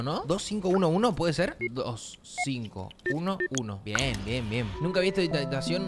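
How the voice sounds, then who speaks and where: A man with a Rioplatense accent streaming a video game, chatting casually, swearing freely and reading the game's text aloud. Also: on the high side. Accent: Rioplatense Spanish. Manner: excitable, swears freely, slangy. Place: home streaming setup. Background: game music.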